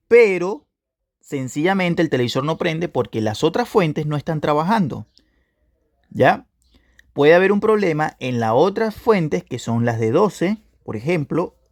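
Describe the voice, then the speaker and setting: A man's voice: a little high, darkish tone, dry recording, clean studio sound. A man teaching a video class on repairing electronics, repeating points and checking with his students as he goes. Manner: repetitive, asks "¿ya?" to check understanding.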